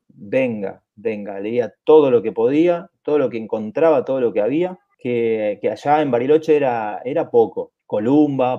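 A man in his 40s from southern Chile co-hosts a podcast, chatting casually and rambling, often restarting and repeating himself. His voice is medium-pitched, and the recording sounds muffled.

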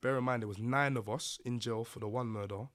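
A man's voice: medium pitch, fairly even intonation, a little fast, a bit bright. A man with a London accent and roadman slang, telling his own story casually as a podcast guest.

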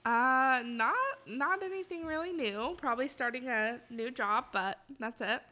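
A woman's voice: a little high, a little slow, sharp tone. A woman co-hosting a podcast in casual, candid, salty conversation. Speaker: podcast co-host. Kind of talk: casual chat.

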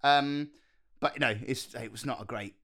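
A man's voice: medium pitch, unhurried, vocal fry, fairly bright tone. A man with a posh British RP accent, chatting casually as a co-host and rambling hesitantly through his stories. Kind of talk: casual chat.

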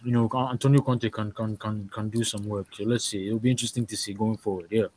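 A man co-hosting a casual football podcast, talking haltingly with many restarts and fillers. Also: on the low side, fairly even intonation, a little mellow, poor audio. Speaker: podcast co-host.

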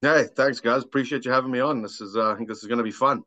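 A South African-accented amateur golfer, appearing as a podcast guest, chats casually and tells personal stories in a laid-back, self-deprecating way. His mid-range voice is rapid-fire, pushed and bright, with fairly even intonation. The audio is dull, lo-fi and dry, with no echo.

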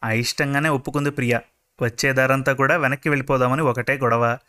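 A man's voice: medium pitch, fairly even intonation, fast talker, sharp tone, clean tone, close to an everyday voice. Man doing a worried mom telling what happened, earnest, plain mid voice. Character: worried middle-aged mother.

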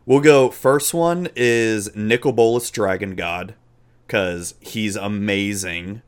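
A man's voice: on the low side, slow, clean tone. A man co-hosting a casual podcast chat, laid-back and joking, often trailing off with fillers. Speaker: podcast co-host. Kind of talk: casual chat about a card game.

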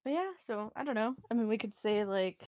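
A woman's voice: medium pitch, a little fast, warm tone, dry recording, clean studio sound. A young woman co-hosting a casual podcast, rambling with many fillers and frequent giggles. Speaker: podcast co-host. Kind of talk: casual chat. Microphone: home mic, online call.

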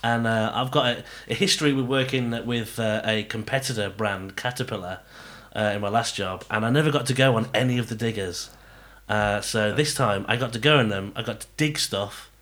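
A man co-hosting a podcast, chatting casually and excitably, often breaking into laughter. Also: lowish voice, fairly quick, hardly any pauses. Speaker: podcast co-host. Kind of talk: casual chat.

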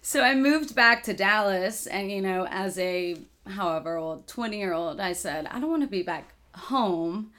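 A woman's voice: medium pitch, animated, unhurried, few pauses, a bit bright. A young woman in her twenties from Texas, a guest in a casual interview, telling her family story in a rambling, chatty way.

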